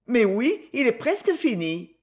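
Woman doing a shy sweet young girl, raised light voice, soft and earnest. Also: fairly high pitch, sing-song, a little slow, pitched above the performer's own voice. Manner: soft, earnest, a little shaky. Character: timid, gentle young woman, orphaned. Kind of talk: audiobook reading.

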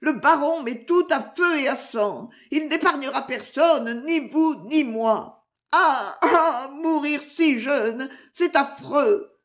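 A woman's voice: very animated, unhurried. A woman reader voicing a young lady's maid who sobs in fright and turns pert and teasing, in a storybook reading. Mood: sobbing terror. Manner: high sobbing cries, pert.

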